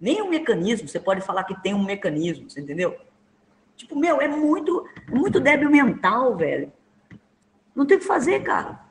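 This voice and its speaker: A man's voice: very high voice, wildly swooping pitch, a little fast, fairly bright tone, slight background noise. Blunt, slangy man in an echoey room. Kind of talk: casual explanatory conversation.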